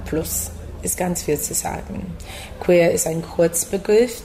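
A woman from the United States with an American accent, a café owner answering interview questions in halting German full of fillers. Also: on the low side, gravelly, warm tone. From USA. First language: English. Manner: halting, searching for words, many fillers.

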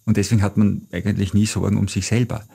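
A man's voice: lowish voice, little pitch movement, quick pace, vocal fry, dark tone, breathy edge. A middle-aged man from Austria, telling travel stories thoughtfully as an interview guest. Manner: thoughtful, anecdotal, frequent "äh" fillers. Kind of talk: reflective storytelling.

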